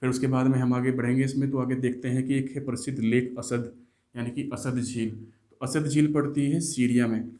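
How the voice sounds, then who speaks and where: Mellow-voiced man teaching geography. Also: mid-range voice, little pitch movement, moderate pace. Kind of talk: explanatory classroom lecture.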